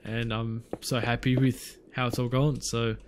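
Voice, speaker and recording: A man's voice: mid-range voice, little pitch movement, unhurried, background noise. A man giving casual, rambling commentary on his own gameplay, thinking aloud and restarting his sentences often. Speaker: gaming channel host. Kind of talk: casual let's-play commentary.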